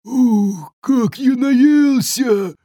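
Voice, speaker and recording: A storyteller voicing a greedy, not very clever, always hungry forest troll who mumbles in a high, whiny voice. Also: very slow, warm tone, no echo, studio quality. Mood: stuffed.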